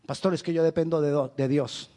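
A whiny churchgoer protests and pleads with his pastor, piling up excuses in a quick, high voice, as a preacher puts him on mid-sermon. He keeps returning to the same defensive protest. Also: steady tone, mellow, lightly acted. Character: complaining adult church member making excuses.

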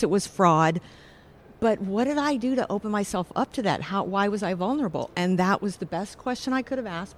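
A woman's voice: mid-range voice, a little mellow, a little hiss or hum. A woman who is a publisher and author, speaking reflectively and candidly in a radio interview.

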